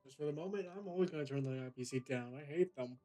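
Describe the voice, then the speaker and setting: Mellow-voiced guy streamer, swears a lot, game music under him. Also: medium pitch, quick pace. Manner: profane, blunt, joking. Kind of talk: casual gameplay commentary. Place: home streaming setup.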